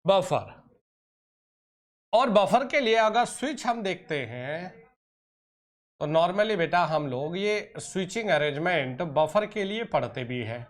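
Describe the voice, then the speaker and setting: A man with a high-pitched, expressive voice leads an online lecture for exam preparation. He speaks fondly as a teacher, using "beta" and "pyare bachche" for his students, coaxing and occasionally scolding, and emphasizing key terms with slow, drawn-out delivery.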